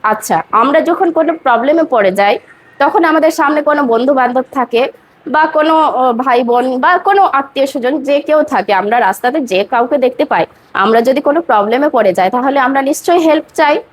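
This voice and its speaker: A woman with a high voice gives a spoken English lesson. She explains patiently and says each example sentence slowly, more than once, then stops to check that her students have followed. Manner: patient, repeats phrases slowly and checks understanding. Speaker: English teacher.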